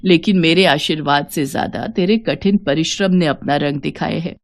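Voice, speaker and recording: A woman voicing a gentle, loving old mother-in-law who speaks softly and slowly. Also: sits low. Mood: tender. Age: older.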